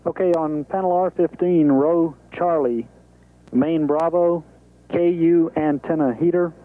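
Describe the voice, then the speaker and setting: An American capsule communicator at mission control gives clear, businesslike step-by-step procedures over the radio. His voice is fairly high with fairly even intonation and a measured pace, heard through a narrow, tinny, band-limited space radio link.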